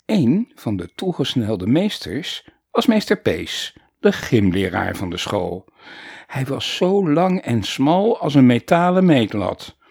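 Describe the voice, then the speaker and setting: A man narrating a children's storybook in a playful, animated way. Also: medium pitch, husky, dry recording, clean studio sound. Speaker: audiobook narrator.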